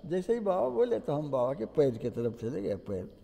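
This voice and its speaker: A man slowly and expressively recounting a deeply emotional personal story. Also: creaky, long reverb tail. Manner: slow, expressive, heartfelt, with vivid gestures. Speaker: devotee telling a personal story.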